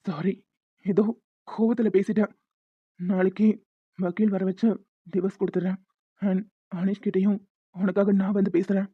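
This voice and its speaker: A voice actor playing a hot-tempered young husband in a cartoon, who shouts bitterly and then pleads softly. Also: male voice, very high-pitched, no room sound. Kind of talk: Tamil cartoon voice acting. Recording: dull lo-fi sound.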